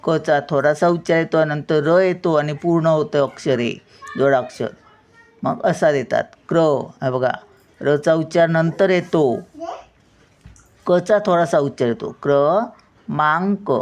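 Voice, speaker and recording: A woman's voice: low voice, unhurried, a little mellow. An older woman teaching a spelling lesson, patiently sounding words out syllable by syllable.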